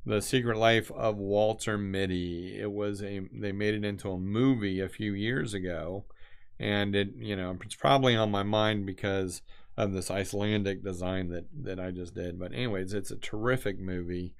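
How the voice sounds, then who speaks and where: Low gravelly man rambling casually. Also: steady tone, moderate pace. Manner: meandering, many fillers and restarts. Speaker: designer doodling on camera.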